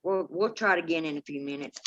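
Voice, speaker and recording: A woman's voice: deep voice, fast talker, fairly bright tone. Middle-aged woman, dull lo-fi sound. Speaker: paranormal live stream host. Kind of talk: casual chat and storytelling to live viewers. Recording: dull, lo-fi live stream audio.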